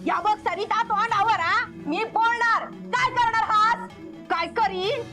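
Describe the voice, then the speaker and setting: Shrill village wife, scolding nonstop, music under it. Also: female voice, measured pace. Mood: angry. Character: sharp-tongued quarrelsome village wife. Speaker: quarrelling family woman. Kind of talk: TV drama acting.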